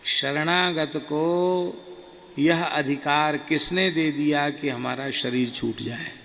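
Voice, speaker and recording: A man voicing an elderly guru who chides a disciple gently but firmly, in a raised, emphatic tone. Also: a little high, a little slow, vocal fry. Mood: stern. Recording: reverberant hall, faint ambient noise.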